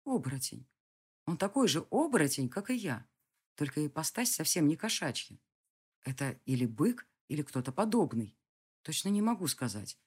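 A narrator giving a lively, expressive first-person reading of a fantasy audiobook. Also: medium pitch, moderate pace, slightly rough.

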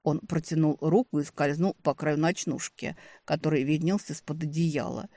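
A woman narrating a fantasy audiobook in the first person, in a steady storytelling manner. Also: low voice, moderate pace, no echo.

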